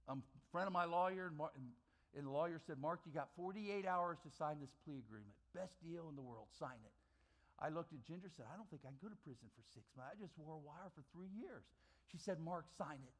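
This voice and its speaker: A man with a fairly high-pitched voice tells his personal testimony to a chapel audience. He builds his story dramatically, hammering key phrases again and again, then drops to quiet, low lines. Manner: swings from loud bursts to quiet low lines. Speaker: chapel guest speaker.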